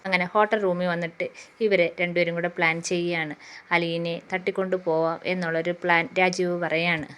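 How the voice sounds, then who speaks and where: A woman recaps a TV serial in an easy, chatty way, padding her sentences with drawn-out filler sounds. Her voice sits low and stays fairly flat, without much rise and fall. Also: smooth. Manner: chatty, fills pauses with drawn-out "aa" and "then". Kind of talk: casual plot retelling.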